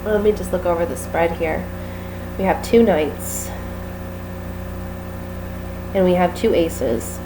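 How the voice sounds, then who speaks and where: Speaking slowly with long pauses in a lowish voice, a tarot reader talks to camera over background noise. She has a sinus infection that leaves her stuffy, nasal and sniffly, and her casual reading is apologetic and chatty, full of fillers.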